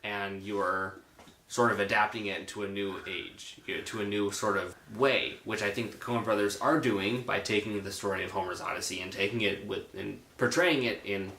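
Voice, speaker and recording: A man with a slightly low, forceful voice talks casually about a film. He is halting and corrects himself as he goes. The recording is roomy, with noise behind. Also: fairly even intonation. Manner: halting, self-correcting, unsure. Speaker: movie review panelist. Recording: roomy echo, clear background noise.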